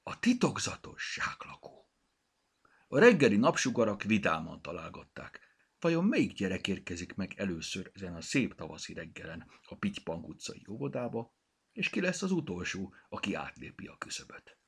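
A low man's voice reading a children's story aloud, rising and falling with a lot of expression. It has a gravelly, husky texture throughout. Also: wildly swooping pitch, fairly bright tone.

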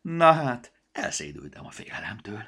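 A man's voice: on the low side, sing-song, vocal fry, fairly bright tone, slightly rough, pitched above the performer's own voice, heavily acted. A man voicing a fussy, busy little male elf who chatters and grumbles to himself. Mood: lively.

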